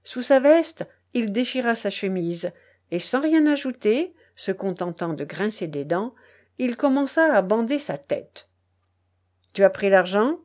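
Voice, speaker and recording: A woman narrating a literary story in a measured, dramatic storytelling manner. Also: fairly high pitch, sing-song, darkish tone.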